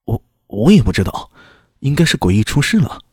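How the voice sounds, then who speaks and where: A man voicing a quick, sharp-tongued young male warrior in an audiobook, with urgent shouted lines and quick retorts. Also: medium pitch, sing-song, breathy edge, no room sound, studio quality. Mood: flustered. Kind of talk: audiobook character voice.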